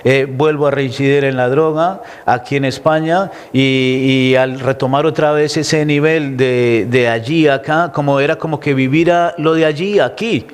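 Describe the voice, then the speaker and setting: A Colombian man with a Colombian Spanish accent gives an emotional, reflective personal testimony as an interview guest, restarting his sentences often. His voice is clear and resonant, medium in pitch and fairly even in intonation, at normal speed with few pauses.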